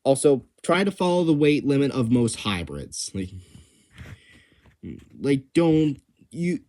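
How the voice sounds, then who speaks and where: A man's voice: medium pitch, sing-song, slow pace, a little mellow. Young guy rambling thru contest rules, stutters and restarts constantly, bouncy up and down voice. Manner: stammering, many restarts and fillers; impulsive, enthusiastic. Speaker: channel host announcing a creature-design contest. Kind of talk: casual unscripted rules rundown.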